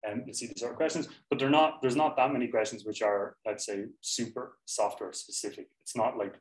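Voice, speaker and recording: Captured by a laptop mic on the desk, a young man gives a chatty, self-correcting university lecture in an informal style. He speaks a little fast, with a medium-pitched voice and a steady tone, and the lecture hall sounds echoey.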